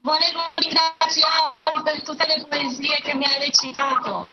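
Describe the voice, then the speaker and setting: A woman's voice: high-pitched, steady tone, a little slow, over loud music. A woman calling a radio show over a weak phone line, checking that she is heard and greeting the host. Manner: short, repeated checks whether she is heard. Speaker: radio caller. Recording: phone call with loud crowd noise.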